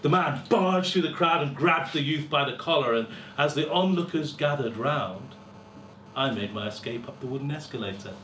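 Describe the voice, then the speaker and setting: Recorded from across a small lecture room by a distant camera, a man with a mid-range, fairly bright voice performs a dramatic first-person story at a live festival before a seated audience. He reads theatrically and deliberately, pausing and building emphasis. The audio is roomy, with faint hiss.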